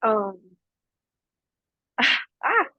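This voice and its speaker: A woman's voice: a little high, sing-song, drawn-out words, pushed and bright, no echo, muffled recording. A young woman from Texas on a video call from school, talking casually with fillers. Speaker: prospective student.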